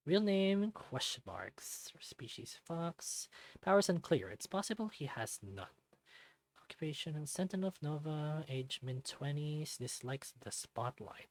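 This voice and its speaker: A man's voice: on the high side, lively intonation, a little slow, rough recording. A man hosting a let's-play, reading a visual novel aloud and chatting casually about what he reads. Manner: chatty and easygoing, reading profile cards aloud with asides. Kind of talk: casual visual novel read-through with commentary.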